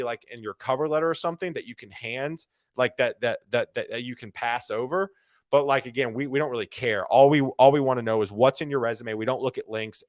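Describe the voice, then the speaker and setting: A man hosting a solo live show as a recruiter, giving career advice in an energetic, rambling way. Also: medium pitch, no room sound. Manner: energetic, rambling, quick restarts and repeated phrases.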